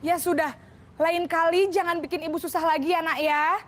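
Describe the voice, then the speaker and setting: A shrill, nagging schoolteacher, played by a woman in a classroom role-play, scolding a pupil who keeps turning up late. Her voice sits very high and stays exasperated throughout. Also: fairly even intonation, unhurried, pushed and bright, full character voice. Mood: whiny guilt-tripping.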